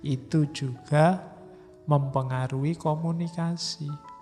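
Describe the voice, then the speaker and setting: A man with a Javanese accent giving a relaxed, conversational philosophy lecture, slowing down for emphasis. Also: on the high side. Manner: relaxed, conversational, with mock quotes and slow emphasis. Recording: hall reverb with faint music.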